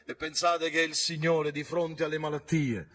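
A man preaching a fervent sermon as pastor at a church service, rising and falling sharply in loudness and pitch and putting rhetorical questions to the congregation. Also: flat delivery, normal speed, slight background noise. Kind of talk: Pentecostal sermon.

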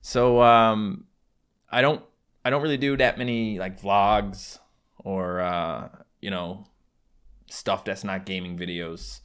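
A man's voice: on the low side, steady tone, slow pace, fairly bright tone, clear, resonant tone. A man in his twenties from Newfoundland, speaking with a Newfoundland accent in a casual, hesitant, self-deprecating vlog style. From Newfoundland, Canada. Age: 20s. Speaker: gaming YouTuber. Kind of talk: casual vlog chat to camera. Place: small home room with acoustic foam, indoors.

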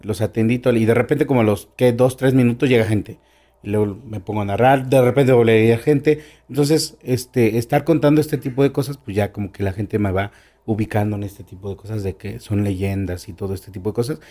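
A man's voice: fairly low pitch, brisk, mellow. A man with a Mexican accent, a guest storyteller chatting on a podcast, shifting his tone and stressing words as he talks. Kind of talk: casual podcast conversation.

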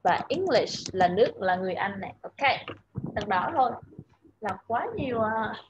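A woman's voice: mid-range voice, lively intonation, dull audio, background noise. Patient woman tutor teaching English words. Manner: patient, repeats words slowly for the student to echo. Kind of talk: online English lesson.

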